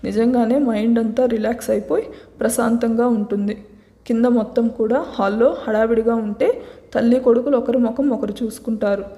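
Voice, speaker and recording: Mellow woman storyteller with long reverb. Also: fairly high pitch, a little fast. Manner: steady, plain narrating. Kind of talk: serialized story narration.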